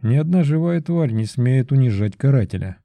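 A man narrating a fantasy audiobook in a measured, steady storytelling manner. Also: medium pitch, creaky, no echo.

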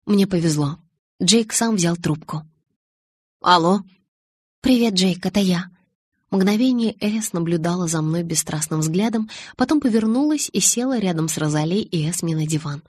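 Woman, audiobook narration, first person, husky, low-pitched, dry close studio. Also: expressive, normal speed, dark tone, dry recording.

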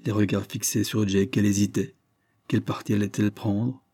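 A man narrating a French crime novel audiobook in a measured, even reading, close to the mic. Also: on the low side, no room sound. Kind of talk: scripted narration.

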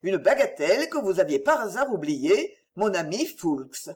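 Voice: medium pitch, big pitch swings, normal speed, darkish tone, close to an everyday voice. A reader voicing a dashing nobleman who talks in a breezy, teasing, flippant way in an audiobook. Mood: jaunty. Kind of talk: audiobook reading.

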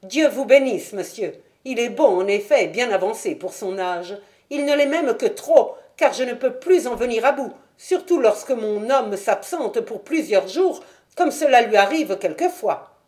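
Brief: woman playing a shrill, chatty working-class wife in a storybook reading, pitched high. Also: lively intonation, a little slow. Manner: loud, fussing and talkative.

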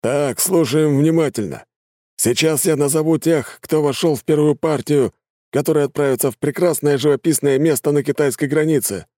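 A male narrator voicing a bossy male military commissioner who barks orders and shouts out a roll call. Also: a little high, moderate pace, no echo, studio quality, voice pushed up, natural voice. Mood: commanding. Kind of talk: audiobook narration with voices.

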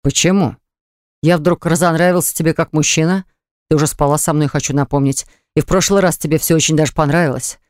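A woman voicing a pushy, demanding young man who speaks bluntly and insistently, lower than her own voice. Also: fairly even intonation, fast, a little mellow, no room sound, studio quality, lightly acted.

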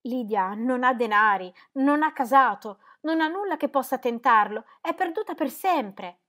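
A woman's voice: high voice, expressive, normal speed, a bit bright. A woman reading aloud and voicing a desperate young woman, her speech urgent and close to tears. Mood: distraught. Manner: urgent, breaking, tearful. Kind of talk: audiobook reading.

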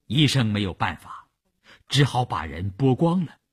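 A man's voice: medium pitch, sing-song, normal speed, husky. A man narrating a long radio story in a dramatic, strongly varied delivery.

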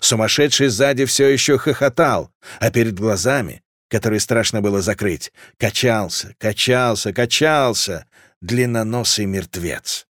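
A man narrating a fantasy audiobook in a measured, dramatic reading. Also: lowish voice, fairly bright tone, no room sound, studio quality.

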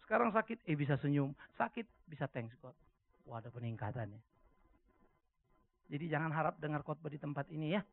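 A man preaching a sermon as pastor, animated, swinging from soft musing asides to loud emphatic shouts. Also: on the high side, brisk, gravelly, pauses often, phone-quality sound.

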